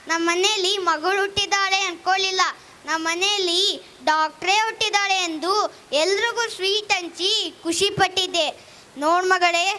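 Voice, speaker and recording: A woman's voice: very high-pitched, sharp tone. A girl playing a stern, domineering father who scolds his daughter in a school drama. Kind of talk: amateur school stage drama.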